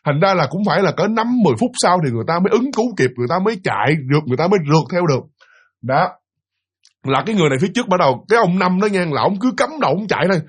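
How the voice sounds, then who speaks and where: A man narrating a ghost story in an animated, dramatic way, speaking directly to his listeners. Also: high voice, rapid-fire, breathy edge.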